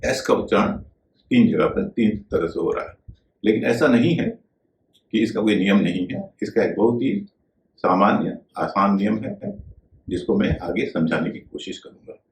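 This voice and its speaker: A man with a low voice teaches pronunciation in a calm, measured way. He spells words out letter by letter before saying them. His voice rings in an echoey room over a faint background hiss. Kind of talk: explanatory video lesson.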